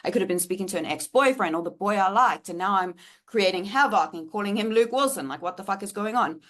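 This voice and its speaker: A woman's voice: mid-range voice, fast talker. Candid woman telling a storytime. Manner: candid and expressive, swearing freely. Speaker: vlogger. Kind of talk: storytime vlog.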